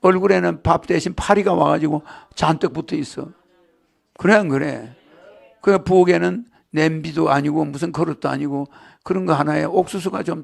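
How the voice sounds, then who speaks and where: A man with a strikingly gravelly, creaky voice that sits high for a man. He lectures a live crowd in a loose, rambling way and keeps checking in with rhetorical questions. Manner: jokes and laughs with the audience. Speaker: spiritual lecturer.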